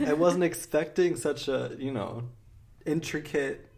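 A man's voice: a little high, expressive, slow pace, vocal fry, a little mellow. A man hosting a podcast in casual chat, reacting with short exclamations and asking questions. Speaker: podcast host.

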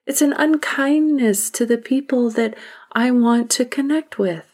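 A woman hosting a podcast, speaking a reflective monologue in a deliberate, emphatic way that sometimes drops to a whisper. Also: fairly high pitch, darkish tone. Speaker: podcast host.

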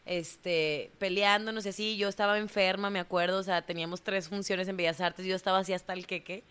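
A young woman from Monterrey, Mexico with a northern Mexican accent, a dancer telling a story in an interview in a lively, colloquial way that acts out the dialogue. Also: medium pitch, a little fast, smooth. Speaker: dancer in a ballet company.

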